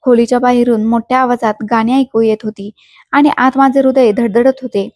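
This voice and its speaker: A woman narrates a first-person story in a steady, dramatic read. Her voice sits fairly high yet sounds mellow and warm. The recording is close and dry, with no room echo. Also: normal speed.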